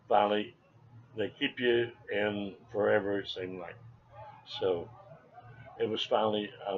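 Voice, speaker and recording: A man of seventy, an old veteran remembering his service in an informal interview, rambling and halting as he talks. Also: low-pitched. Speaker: Vietnam veteran being interviewed. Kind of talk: informal interview, personal recollection. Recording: dull lo-fi sound, background noise.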